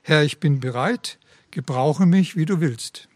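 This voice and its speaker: A man's voice: on the high side, a little slow, no room sound, studio quality. A man voicing a pleading bamboo tree. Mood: humble. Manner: trembling, pleading, then hushed. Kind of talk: read-aloud parable.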